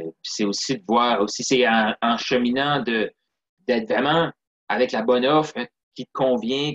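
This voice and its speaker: Québécois guy talking it through earnestly in an interview, mid pitch, kinda muffled lo-fi audio. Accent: Québécois French. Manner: reflective, earnest, frequent "tu sais" and "puis". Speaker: interview guest, sales closer. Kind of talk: casual interview talk. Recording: slightly dull lo-fi sound.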